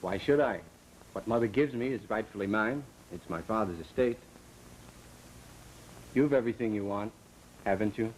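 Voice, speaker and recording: An actor playing a weak, defensive young husband in a vintage film drama. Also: male voice, fairly low pitch, normal speed, pauses often, a little mellow, lightly acted. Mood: defensive, exasperated. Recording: noisy old film soundtrack.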